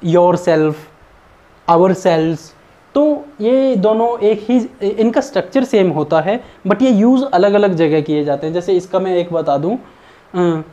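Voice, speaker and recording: Male tutor for exam prep, unhurried and mellow, spells out example sentences with care. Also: high-pitched. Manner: slow, deliberate delivery of English example sentences. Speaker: English teacher. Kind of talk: exam-prep grammar lesson.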